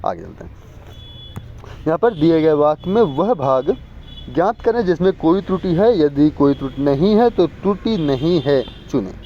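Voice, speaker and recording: A man teaching an exam-prep spelling lesson, repeating words and quizzing viewers with quick questions. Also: on the high side, big pitch swings, mellow. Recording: muffled lo-fi with faint street noise.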